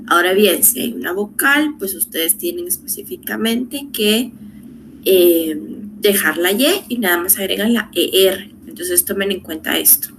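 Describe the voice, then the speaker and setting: Female teacher, mid pitch, patient and methodical, faint hiss behind. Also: a bit bright. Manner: patient, repeats rules step by step, asks rhetorical questions. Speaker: English teacher. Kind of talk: online grammar lesson.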